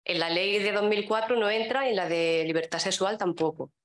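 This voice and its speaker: A woman with a Spanish accent moderating a conference session, putting questions to the speaker in a measured way. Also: medium pitch, roomy sound.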